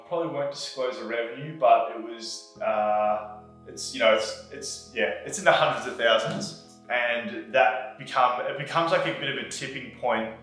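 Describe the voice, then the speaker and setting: A man's voice: medium pitch, fairly bright tone. A man giving a casual, unscripted tour of his clothing brand's warehouse in a loose, hesitant way, his voice echoing in the big indoor space. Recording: echoey empty-warehouse sound, faint music.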